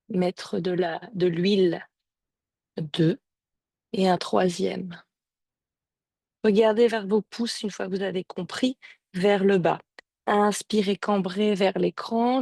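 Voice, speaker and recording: A woman yoga teacher giving calm step-by-step cues and breath counts to a class over a video call. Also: mid-range voice, vocal fry, slightly rough, no echo. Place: home or studio, streamed on a video call. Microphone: video call microphone.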